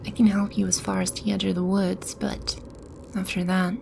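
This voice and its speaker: Playing a protective female demon who shelters a lost child, a woman speaks in a soft, breathy, whispery ASMR style that sounds concerned and guarded yet unhurried and soothing. Her medium-pitched delivery is completely flat, with ambient sound effects and slight background noise behind it.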